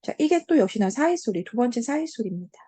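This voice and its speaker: A woman teaching grammar in an online lecture to high school students, often asking "right?" and filling pauses with "so" and "um". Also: very animated, dark tone, slightly rough, no echo. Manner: fills pauses with "자" and "음", asks the class check questions.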